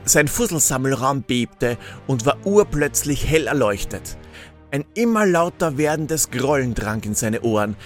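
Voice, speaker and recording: A man narrating a comic story in a playful, expressive way. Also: medium pitch, a little slow, soft background music.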